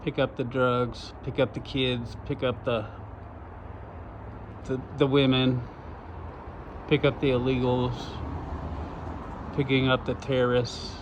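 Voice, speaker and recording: A man's voice: medium pitch, little pitch movement, slow, long pauses. A man from Arizona talking in an urgent, repetitive, emphatic way for his vlog, recorded outdoors by a road. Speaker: vlogger. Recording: lo-fi with loud outdoor noise.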